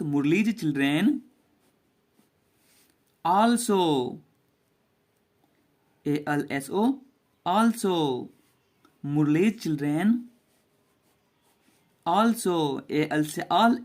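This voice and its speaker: Man, teacher, spells words letter by letter, very slow, fairly high voice. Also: lively intonation, darkish tone. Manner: spells words letter by letter and repeats them slowly. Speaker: English teacher. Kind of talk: slow spelling-out reading lesson for children.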